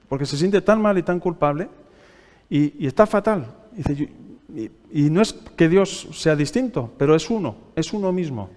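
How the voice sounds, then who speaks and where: Spanish male preacher, somewhat high voice, teaching through questions, long church-hall reverb. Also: a little mellow. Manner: teaching by asking the congregation questions; reads scripture aloud, raising his voice for quoted pleas. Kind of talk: sermon.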